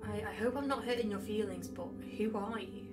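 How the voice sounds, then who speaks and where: A young woman game streamer chats casually on a livestream, rambling, swearing and poking fun at herself. Her mid-range voice runs a little fast, under loud game music featuring guitar.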